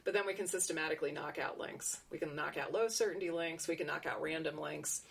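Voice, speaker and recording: A woman's voice: sits low, quick pace, creaky, breathy edge. A woman researcher explaining her work in conversation, thinking aloud with frequent restarts and asides.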